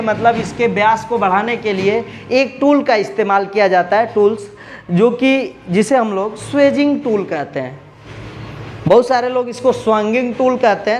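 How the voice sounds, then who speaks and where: A man explaining, step by step, how to weld AC copper pipes, talking directly to his students as an instructor. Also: high voice. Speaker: AC repair instructor. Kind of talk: tutorial lesson.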